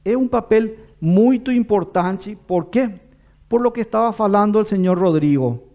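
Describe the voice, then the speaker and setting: Slow Paraguayan man mixing Portuguese and Spanish. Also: high voice, mellow. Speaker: government official giving a talk. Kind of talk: formal public address.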